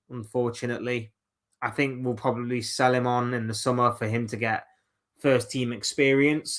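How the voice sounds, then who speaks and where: A man's voice: medium pitch, bright, forceful tone. A man hosting a casual solo football chat, rambling and opinionated, reeling off players one by one. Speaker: football channel host.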